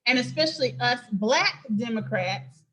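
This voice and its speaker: A woman hosts an impassioned political talk in a high voice. She speaks emphatically and preaches, and she often breaks off into quick asides. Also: expressive, sharp tone. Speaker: host and political commentator.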